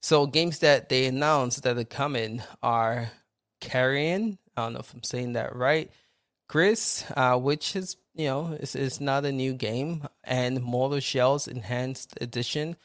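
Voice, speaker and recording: A man's voice: medium pitch, unhurried, a bit bright, no room sound, clean studio sound. A man with a Nigerian accent hosting a casual live-stream chat, upbeat and greeting viewers by name. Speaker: podcast host.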